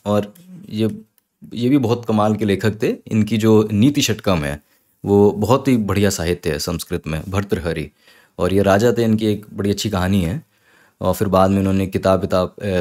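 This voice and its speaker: A man teaching an online Sanskrit lesson, patiently spelling words out slowly, sound by sound. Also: low voice, darkish tone.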